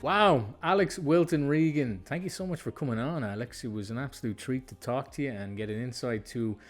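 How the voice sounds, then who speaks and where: Over soft background music, a male podcast host at medium pitch speaks briskly. His casual interview chat wanders informally as he puts his points across.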